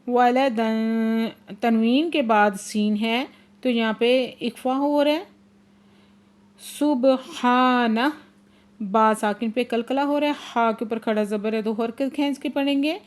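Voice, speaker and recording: A woman teaching Quran recitation, chanting verses slowly and drawn out, then explaining the rules briskly. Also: on the high side. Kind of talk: tajweed lesson, slow chanted recitation then quick explanation.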